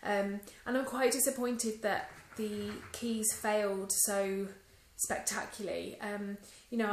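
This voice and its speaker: A woman's voice: mid-range voice, slight background noise. A woman records a casual vlog on a phone held at arm's length, chatting through her review with plenty of ums and small restarts. Her voice sits in a middle range, and the room around her is noticeably echoey. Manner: chatty, many ums, mildly disappointed.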